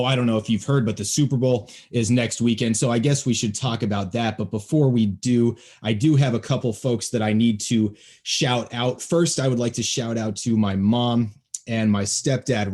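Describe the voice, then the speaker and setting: A man's voice: mid-range voice, darkish tone. Chatty young man hosting a podcast. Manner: friendly, chatty and joking. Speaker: podcast host. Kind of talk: casual sports podcast chat. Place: home, near Baltimore. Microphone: home podcast microphone.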